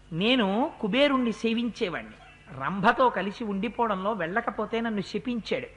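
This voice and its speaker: A man voicing a defeated male demon who pleads quietly and humbly in a low, hushed voice during a spoken religious discourse. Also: exaggerated voice.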